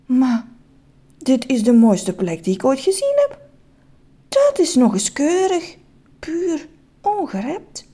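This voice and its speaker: A woman's voice: high voice, very animated, normal speed, a little mellow, pitched above the performer's own voice. A woman voicing a fussy, panicky man in a spacesuit who whimpers and shrieks. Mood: amazed.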